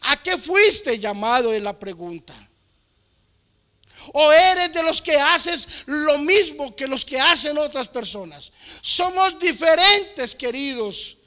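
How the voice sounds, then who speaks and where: A man preaching as a pastor, emphatic with slow, drawn-out phrases. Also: very high voice, lively intonation, sharp tone. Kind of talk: sermon. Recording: long hall reverb.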